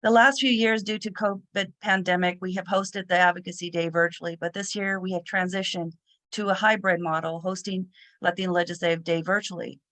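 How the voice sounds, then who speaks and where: A woman moderator delivering a formal, scripted podium-style welcome speech, reading out names and lists in a measured way. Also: on the low side, fairly bright tone, no echo. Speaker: moderator and host.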